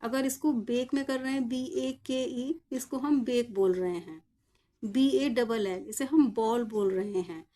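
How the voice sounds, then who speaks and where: A woman's voice: a little high, unhurried, dark tone. A woman teaching English pronunciation rules, patiently spelling out each word letter by letter and then saying it. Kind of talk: slow explanatory lesson.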